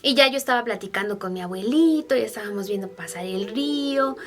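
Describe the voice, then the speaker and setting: A woman's voice: fairly high pitch, animated, fairly quick. A young woman telling personal stories to camera in a chatty way, full of fillers and asides to her viewers. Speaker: vlogger.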